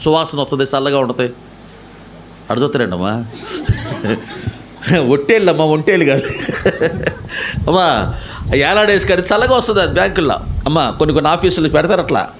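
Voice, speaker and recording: A man's voice: fairly high pitch, slight background noise. A man preaching a sermon as a pastor, asking rhetorical questions and acting out people's prayers. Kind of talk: Telugu sermon. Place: church.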